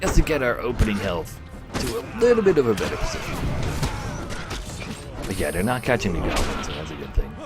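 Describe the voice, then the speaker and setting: Over loud game music, a man livestreams indoors, sometimes muttering his commentary and sometimes reading the game's text dramatically. He has a low, very animated voice, speaks a little fast, and pauses often.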